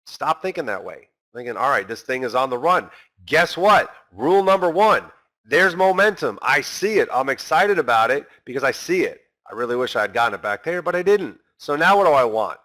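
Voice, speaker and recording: A man teaching a recorded trading lesson, animated and talking straight to his viewers, acting out a trader's inner voice. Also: medium pitch, a little fast. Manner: talks straight to the viewers as guys. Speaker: trading instructor.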